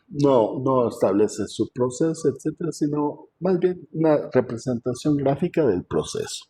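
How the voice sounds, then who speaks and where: A male professor teaches over a video call in a mellow, low-pitched voice. He talks conversationally, with lots of fillers, and often clears his throat. A faint hiss sits under his voice. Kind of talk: online class lecture.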